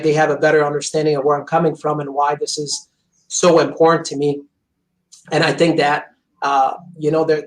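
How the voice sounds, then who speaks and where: Over a rough video-call recording, a man with a slightly high voice is interviewed as a chiropractor guest. He's from Montreal, Canada, grew up speaking French, and sounds earnest, intense and flat, using "you know" often.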